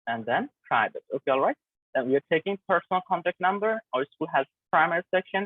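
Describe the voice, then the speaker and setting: Teacher, male, higher-pitched; leads a live online class, repeats words slowly for learners; phone-like, dry sound. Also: expressive, no echo. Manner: drills words slowly and repeatedly, mixing English phrases in. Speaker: English pronunciation teacher. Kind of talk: live online pronunciation lesson. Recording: tinny, dry online call audio.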